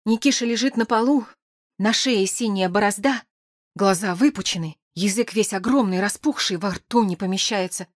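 A woman voicing a young man who is tearful, frightened and talking in a rushed, sobbing way. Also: mid-range voice, dry recording, studio quality, close to an everyday voice. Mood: shaken.

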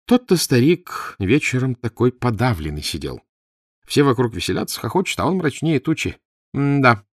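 A man voicing a pedantic, learned doctor who lectures slowly and pompously. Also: mid-range voice, dry recording, clean studio sound, voice pushed up. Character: pedantic middle-aged doctor, learned and wordy.

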